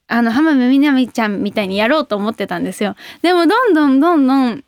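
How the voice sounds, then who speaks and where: A young woman hosting a radio show, chatting casually and reading listener mail with bubbly, excitable reactions. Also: high-pitched, clear, resonant tone, dry recording, studio quality. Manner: bubbly, excitable, quick exclamations.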